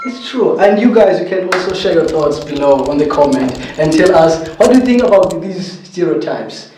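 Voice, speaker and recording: Male co-host, high voice, casual questioning with hesitant repeats, heavy room echo, off-mic distance. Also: lively intonation, normal speed, a little mellow, soft background music. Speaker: podcast co-host. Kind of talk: casual discussion, asking questions. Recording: very echoey room, distant microphone.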